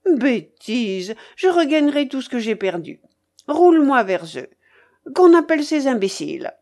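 A woman's voice: high voice, big pitch swings, unhurried, darkish tone, pitched above the performer's own voice, heavily acted. Woman voicing an imperious, hot-tempered old grandmother. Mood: stubborn, tense. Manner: bossy, barking orders. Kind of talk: audiobook character voice.

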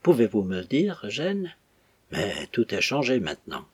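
A man reading the lines of a secretive, wistful young woman in an audiobook, with a husky voice. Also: fairly low pitch, huge pitch swings, moderate pace, a little mellow, no echo, heavily acted.

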